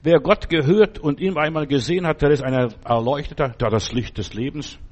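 A man's voice: fairly high pitch, fairly quick. A man giving an informal sermon in a conversational way, often repeating himself and restarting his phrases. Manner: conversational, repetitive, many restarts and asides. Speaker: preacher.

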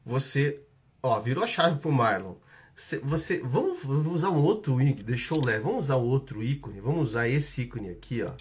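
A man's voice: medium pitch, expressive, fairly quick. Brazilian man coaching a live audience. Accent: Brazilian Portuguese. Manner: repetitive, instructive, checks in with short tags. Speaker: coach hosting a live session. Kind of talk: live coaching talk with an exercise.

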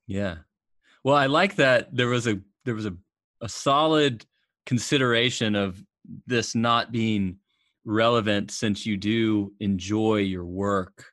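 Low-voiced man hosting, reflective. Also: fairly even intonation, slow pace, a bit bright, no room sound, clean studio sound. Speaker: podcast host. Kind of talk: casual interview.

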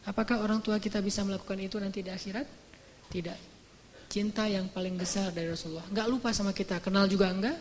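A woman's voice: mid-range voice, fairly even intonation, fast talker. A woman preaching an emotional religious sermon, retelling scenes in casual, repetitive phrasing.

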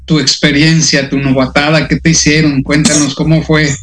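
A man hosting a casual radio interview, prompting his guest with relaxed questions. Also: a little high, normal speed, faint music behind. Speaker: radio show host.

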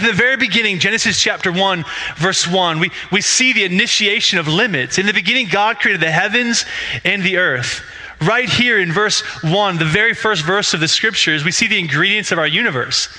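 A man's voice: sits high, low-quality recording. A man in his thirties, a pastor preaching a sermon in a church and acting out the dialogue in his stories. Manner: animated storyteller who acts out dialogue. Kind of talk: sermon with storytelling. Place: church sanctuary.

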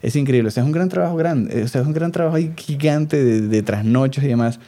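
A man in his thirties with a Venezuelan accent, co-hosting a casual chat and telling stories with lively acted-out quotes. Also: mid-range voice, fast. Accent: Venezuelan Spanish. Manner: animated storytelling, acts out quoted voices. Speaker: podcast co-host.

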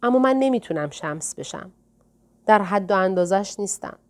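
A woman reading the part of a calm, soft-spoken older man, a gentle mystic, in an audiobook. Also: medium pitch, close to an everyday voice.

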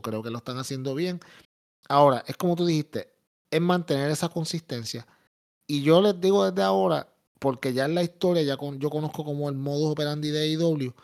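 A man with a Puerto Rican Spanish accent doing casual wrestling podcast commentary, informal and slangy, dropping English words into his Spanish. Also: a little high. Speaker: podcast co-host.

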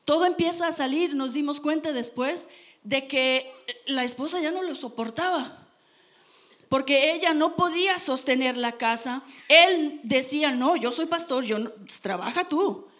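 A woman's voice: high voice, a little slow, a bit bright. A woman preaching a sermon to her congregation, earnest and emphatic.

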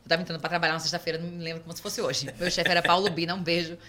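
A middle-aged woman with a Brazilian Portuguese accent, a podcast guest who tells stories in a lively way and acts out the dialogue. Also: fairly low pitch, very fast. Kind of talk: conversational storytelling.

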